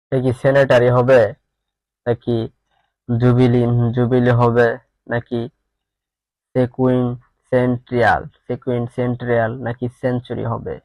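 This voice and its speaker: A man's voice: mid-range voice, monotone, measured pace, long pauses, darkish tone, dry recording, low-quality recording. A man with a Bangladeshi accent teaching exam prep, reading quiz questions aloud and muttering answers to himself, repeating words as he thinks.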